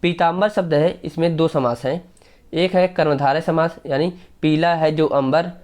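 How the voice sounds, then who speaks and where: A man with a slightly raised voice runs through exam questions at a brisk clip. He explains each answer step by step and talks straight to his viewers. It sounds like a focused exam-prep lesson. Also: fairly high pitch, fairly even intonation, darkish tone. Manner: brisk, explanatory, addresses viewers directly as friends.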